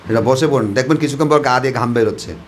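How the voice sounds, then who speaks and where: A man's voice: mid-range voice, very fast. A devotional preacher, a man, giving practical instructions and coaxing his audience to ask questions. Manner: coaxing, instructive, urging the audience with repeated commands. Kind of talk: devotional question-and-answer talk.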